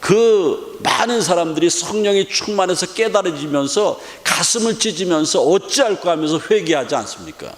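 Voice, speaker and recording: Korean-speaking pastor preaching in an echoing hall. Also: male voice, a little high. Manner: emphatic preaching with rhetorical questions. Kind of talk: sermon. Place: church sanctuary. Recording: echoey church hall with long reverb.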